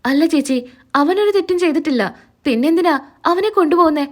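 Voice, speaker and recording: An earnest young woman insists firmly on someone's innocence, read out by a woman. Her voice is high. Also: animated, a little fast. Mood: insistent.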